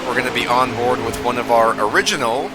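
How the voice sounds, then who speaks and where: A man commentating an online racing game, calling the action and bantering with co-hosts, jumping into excited calls when something happens. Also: mid-range voice, fast, heavy background noise. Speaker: race commentator for an online sim racing league. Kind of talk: live play-by-play commentary with banter.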